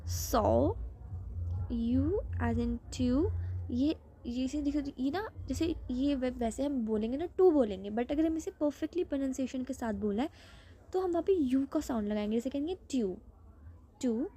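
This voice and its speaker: A young woman teaching an English phonics lesson. She reads the English examples slowly and drawn-out, then explains them in quick Hindi. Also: high-pitched, lively intonation, mellow.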